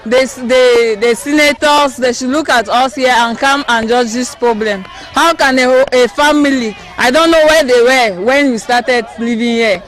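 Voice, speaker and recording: Cameroonian accent man, really high voice, emphatic aggrieved local pleading his case in an interview. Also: measured pace, few pauses, a bit bright. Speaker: local resident being interviewed. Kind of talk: impassioned spontaneous statement.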